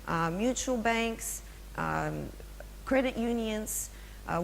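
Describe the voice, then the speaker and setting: Presenting on business at a conference, a Russian-accented woman speaks in a mid-range voice with vocal fry. Fillers and restarts come often, she puts questions to the audience, and the hall gives a long reverb over a faint hum.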